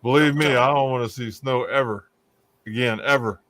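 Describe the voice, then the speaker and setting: A man's voice: mid-range voice, normal speed, fairly bright tone, slight background noise. A man hosting a casual chat over a video call. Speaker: show host. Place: indoor room on a video call.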